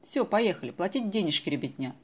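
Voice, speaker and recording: A woman voicing a gruff, brusque middle-aged male bus driver in an audiobook. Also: lowish voice, big pitch swings, a little fast.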